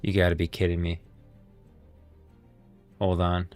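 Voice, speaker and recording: Low-pitched and totally flat, a man speaks a little slowly while hosting a livestream, casually thinking aloud to his audience. He uses slangy talk, addressing viewers as guys and bros, with faint music playing behind him.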